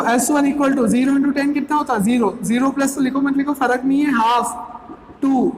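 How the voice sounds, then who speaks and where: A woman's voice: high voice, slight background noise, low-quality recording. A woman teaching a physics lecture step by step, asking questions and answering them herself, repeating each figure. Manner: keeps asking and answering her own questions.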